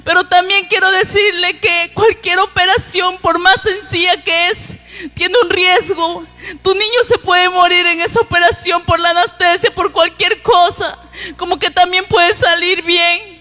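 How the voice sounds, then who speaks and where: A woman's voice: very high-pitched, fairly even intonation, unhurried, pushed and bright, soft background music. A woman giving an emotional church testimony, tearful and pleading, often calling out to her listeners as brothers. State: crying at times.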